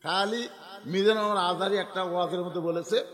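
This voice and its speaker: A man preaching a waz sermon, swinging in a sing-song way between soft storytelling and shouted lines over a PA microphone. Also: sits high, steady tone, moderate pace. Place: large open-air gathering. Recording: echoey hall-like reverb from a PA.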